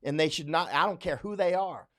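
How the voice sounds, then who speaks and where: Rambling middle-pitched man livestreaming. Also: a little fast, a bit bright. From Central Florida, US. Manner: rambling, many restarts and fillers. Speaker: livestream host. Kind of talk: casual livestream talk, reading viewer comments. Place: home in Chiang Mai, Thailand.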